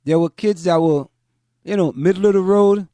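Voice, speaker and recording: Hosting a community talk show for parents, a man from Trinidad and Tobago addresses listeners in a high-pitched, warm voice. He speaks deliberately, repeating phrases for emphasis, and the recording is dry.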